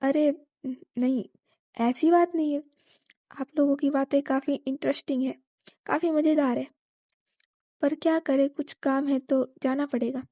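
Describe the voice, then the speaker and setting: A woman's voice: high voice, fairly even intonation, a little slow, pauses often, warm tone, no room sound, clean studio sound. A woman voicing a polite young woman guest who is eager to leave. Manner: polite, apologetic.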